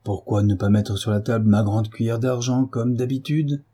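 A man reading aloud, voicing a brutal middle-aged father who shouts roughly and sarcastically. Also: medium pitch, moderate pace, lightly acted. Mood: furious, gruff.

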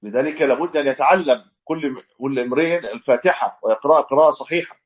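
A man's voice: medium pitch, quick pace, dull audio. A man teaching a religious lesson as a sheikh, explaining step by step and demonstrating correct recitation. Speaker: sheikh teaching a fiqh text.

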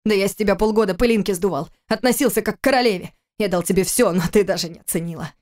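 A woman's voice: medium pitch, quick pace, darkish tone, natural voice. Contemptuous angry husband, read by a woman. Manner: harsh, contemptuous, clipped. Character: cold, furious husband, adult man. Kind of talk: audiobook character reading.

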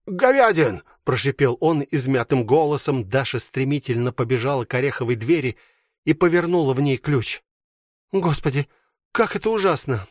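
A man narrating a literary audiobook in a measured, expressive way. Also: medium pitch, no room sound, studio quality.

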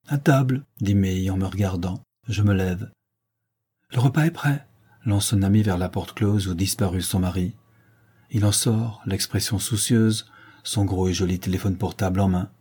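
A man reading a novel aloud as first-person narrator, in a measured, deliberate way. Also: deep voice, steady tone, warm tone, slightly rough. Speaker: audiobook reader.

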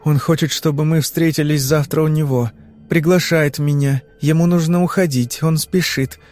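A man voicing a frightened young woman under hypnosis, answering in anxious, halting phrases. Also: a little high, steady tone, a little mellow, faint music behind, pitched above the performer's own voice, natural voice. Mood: uneasy.

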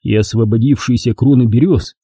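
Dark husky male audiobook narrator. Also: medium pitch, fairly even intonation, brisk, no room sound.

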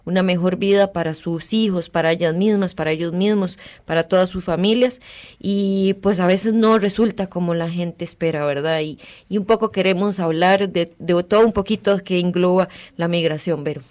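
A woman hosting a community radio talk show, speaking calmly and thoughtfully with frequent fillers. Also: fairly low pitch, normal speed. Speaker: radio host.

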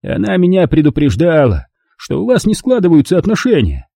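A man's voice: on the high side, huge pitch swings, a little fast, vocal fry, mellow, no echo, clean studio sound, pitched above the performer's own voice, heavily acted. A man voicing a tactless, brash man who mocks those around him with smug jokes. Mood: mocking. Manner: smug, mocking.

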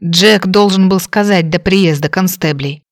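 Hoarse wounded young man, as a woman reader voices him. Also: on the low side, no echo, studio quality, natural voice. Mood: weary. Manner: weary, halting storytelling. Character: wounded young man, weak and bedridden brother. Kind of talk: audiobook character voice.

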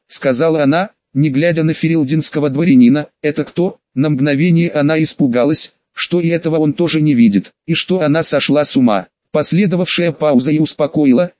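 A man's voice: a little high, normal speed, hardly any pauses, dry recording. Man reading a fantasy audiobook. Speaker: audiobook narrator. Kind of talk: scripted narration. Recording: dull, close, dry recording.

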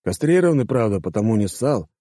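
Brief: man doing a bantering, excuse-making male friend, low and dark, dry close mic. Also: big pitch swings, fast talker, no echo. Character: joking male inquisitor friend, defensive. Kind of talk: audiobook character voice.

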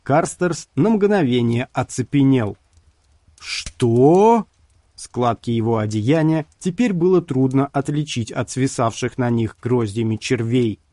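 A man reading a horror story aloud in a slow, measured way. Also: mid-range voice, expressive, mellow, dry recording, studio quality. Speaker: audiobook narrator. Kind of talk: scripted narration.

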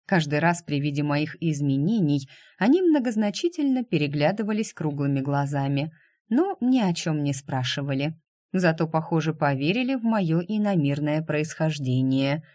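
A man reading a first-person novel aloud as an audiobook narrator, in a calm, even way. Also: on the high side, normal speed, no room sound.

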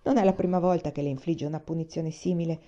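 A woman reading the lines of a nervous, easily flustered young man in an audiobook, speaking in a hurried, fretful way. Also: low voice, steady tone, warm tone, highs cut off, close to an everyday voice. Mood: matter-of-fact.

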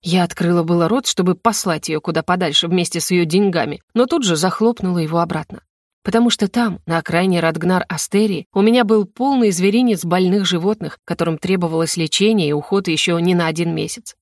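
A woman reading a fantasy novel aloud in the first person, with lively expression. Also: fairly low pitch, fairly quick, no room sound, studio quality. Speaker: audiobook narrator. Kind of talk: first-person audiobook narration.

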